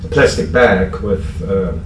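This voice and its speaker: Deep but a bit bright, this German-accented man's voice fills an echoey, noisy room where he addresses an audience at a recovery fellowship convention. His informal public speech about the old days is halting, dry and self-deprecating, picked up from a distant microphone.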